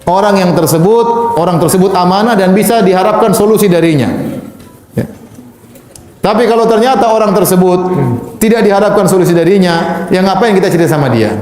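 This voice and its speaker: A man in his own voice giving a religious question-and-answer talk in an echoey lecture hall. His voice sits fairly high for a man. He swings between soft, low asides and emphatic lines, with chuckles along the way. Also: brisk. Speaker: Islamic preacher.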